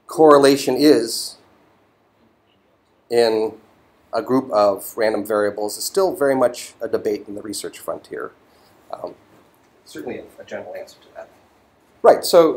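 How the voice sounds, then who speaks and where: A middle-aged man with a lowish voice narrates a physics lecture over slides. He sounds thoughtful, with many ums and restarts.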